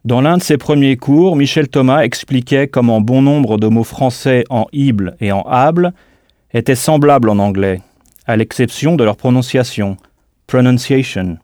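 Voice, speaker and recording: Clean studio sound with no room ambience carries a man's mellow, medium-pitched voice as he teaches a scripted audio language lesson. He takes his time modelling pronunciation and spells words out one letter at a time.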